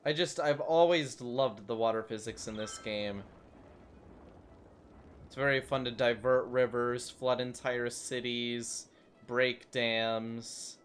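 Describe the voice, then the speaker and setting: A man's voice: medium pitch, steady tone, slow pace, clear, resonant tone, soft background music. A young man casually commenting while playing a city-building game, chatty and self-mocking, rambling into asides. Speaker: gaming YouTuber.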